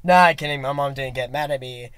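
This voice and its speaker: A young man rambling through a comic monologue, stumbling over restarts, jumping between shouts and whispers. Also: mid-range voice, quick pace, smooth, no echo. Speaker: comedy vlogger.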